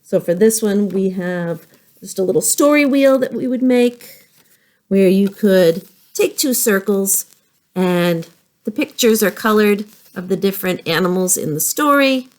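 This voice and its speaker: A woman's voice: medium pitch, expressive, measured pace. A woman librarian leading a preschool storytime, singing nursery songs and coaxing small children in an exaggerated, sing-song way.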